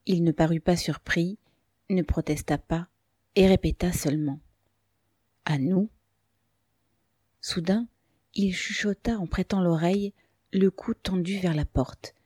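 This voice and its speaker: A woman narrating a novel as an audiobook, reading calmly and evenly. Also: fairly low pitch, measured pace, breathy edge, dry recording.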